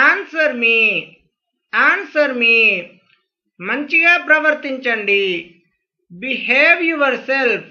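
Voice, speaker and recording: Woman, phrase drill reading, very bright and sharp tone, high voice, careful repeats, dull lo-fi sound. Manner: reads each phrase, then says the English version twice, carefully. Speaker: language teacher. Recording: dull lo-fi recording.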